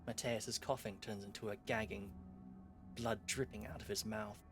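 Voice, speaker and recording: Over game music, a man streams himself reading visual novel narration aloud in a quiet, even way, occasionally correcting himself. His voice is lowish and creaky at a normal speed.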